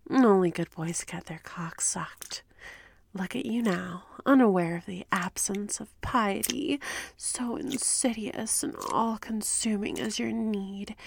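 A woman voicing a predatory, inhuman female seductress who speaks in slow, teasing whispers broken by mocking laughs, in an audio roleplay. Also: mid-range voice, vocal fry.

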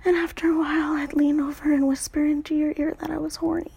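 A young adult woman telling an intimate story in a soft, breathy whisper, broken up by sighs. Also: high-pitched, little pitch movement, fast talker.

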